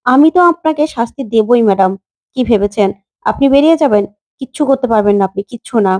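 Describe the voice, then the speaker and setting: A determined young heroine talks through her plans in an earnest, resolute way, as a woman narrator voices her. The voice is warm and a touch high, recorded dry and close. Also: lively intonation, fast, no room sound, natural voice. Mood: vengeful.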